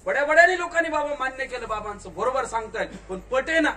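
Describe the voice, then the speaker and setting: High-pitched man preaching to a crowd. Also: quick pace. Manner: questions the audience and urges them to answer louder. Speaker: kirtankar preacher. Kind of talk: spiritual discourse. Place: large tent at a gathering. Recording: distant mic with faint noise.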